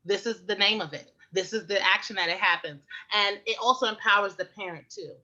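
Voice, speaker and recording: A woman health educator talks frankly and animatedly, tossing in rhetorical questions and fillers. Her voice is bright and forward. The recording is muffled and lo-fi. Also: mid-range voice, fairly quick. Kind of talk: casual conversational advice.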